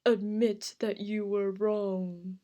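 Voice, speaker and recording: A woman voicing a creepy demon in a witch's head, slow, low and dramatic. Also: little pitch movement, dark tone, close to an everyday voice. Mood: menacing.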